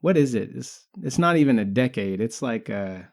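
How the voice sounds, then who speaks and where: Mellow-voiced man in his thirties, joking. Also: medium pitch, animated, normal speed, gravelly. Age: 30s. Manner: joking, teasing banter with frequent laughs. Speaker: podcast co-host. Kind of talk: casual podcast chat.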